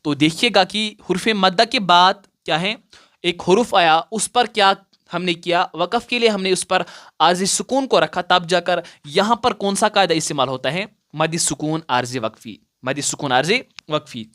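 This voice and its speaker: A man's voice: sits high, moderate pace, pushed and bright. A man teaching Quran recitation rules, patiently repeating each point and asking his students questions before answering them. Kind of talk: explaining recitation rules at a board.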